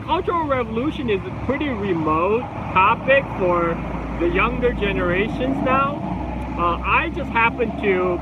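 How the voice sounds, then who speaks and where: High-voiced man in his forties, windy ride. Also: dull audio. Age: 40s. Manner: rambling, answers viewer chat. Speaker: livestream host. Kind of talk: casual livestream chat. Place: moving vehicle on a road trip. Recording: loud wind and road noise.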